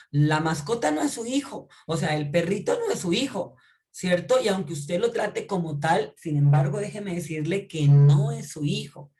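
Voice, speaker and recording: A woman's voice: on the low side, dark tone. A woman giving an informal Bible teaching. She talks conversationally, often checks in with her listeners and repeats or restarts phrases as she explains.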